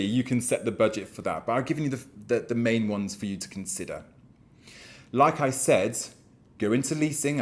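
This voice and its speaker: British guy chatting to camera, lowish voice, blunt, keeps tripping over the same words. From United Kingdom. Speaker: real estate business owner. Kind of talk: casual talking-to-camera advice.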